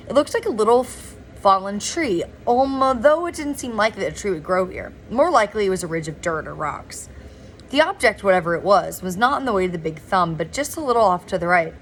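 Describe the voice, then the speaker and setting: A woman reading a novel aloud in a relaxed, informal way, now and then stumbling over words and correcting herself. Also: medium pitch, slight background noise. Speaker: reader of a novel. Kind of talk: informal read-aloud narration.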